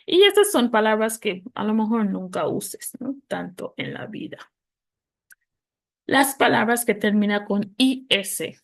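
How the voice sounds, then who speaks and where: Slow, patient woman teaching English plurals. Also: medium pitch, expressive, creaky. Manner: patient, spells out letters, models English words slowly. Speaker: English teacher for Spanish speakers. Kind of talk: explaining plural noun rules.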